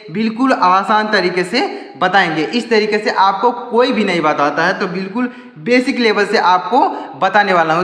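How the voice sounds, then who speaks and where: A man with a high, bright voice walks beginners through a lesson one step at a time. He keeps asking his viewers questions and then answers them himself. The recording rings with long reverb, as in a bare, echoey room. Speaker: English teacher.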